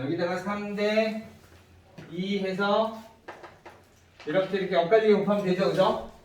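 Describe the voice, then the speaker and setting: A man teaching a math class, explaining step by step and often asking his students if they follow. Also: high voice. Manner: asks students frequent check-in questions. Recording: echoey room, distant mic.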